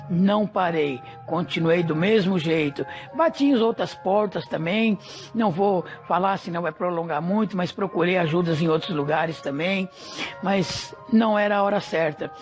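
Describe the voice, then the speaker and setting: High-voiced man telling a dramatic testimony. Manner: dramatic storytelling, acting out dialogue. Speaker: church member giving testimony. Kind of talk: emotional personal testimony.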